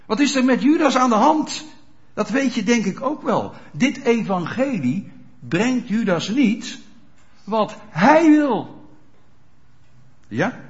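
A man's voice: very high voice, big pitch swings, takes it slowly. A man preaching a sermon in a conversational way, often checking whether listeners are following, in a dull lo-fi recording. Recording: dull lo-fi sound.

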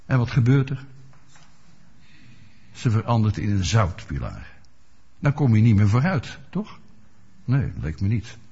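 A man's voice: on the low side, very animated, measured pace, long pauses, warm tone, slightly rough. A male preacher giving a sermon, asking his listeners rhetorical questions and explaining scripture with everyday examples. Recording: dull lo-fi recording.

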